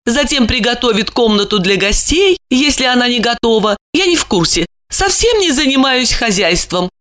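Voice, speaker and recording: A shrill, theatrical rich widow, as a woman puts her on, swooping high and loud through her complaints. She sighs, exclaims and sounds mannered and self-pitying, like a figure from a spoken storybook. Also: lively intonation, moderate pace. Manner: affected, sighing, exclaiming.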